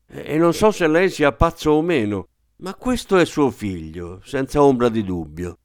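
A man's voice: normal speed, no room sound, studio quality, lightly acted. A man voicing a young hospital nurse who shifts between hysterical squeals and stern firmness. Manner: hysterical and high in alarm, hushed when calming.

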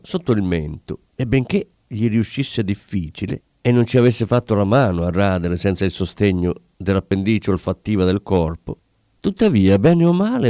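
A man reading a story aloud as scripted narration, telling it in an expressive and dramatic way with pauses. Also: lowish voice, no echo, clean studio sound. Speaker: audiobook narrator.

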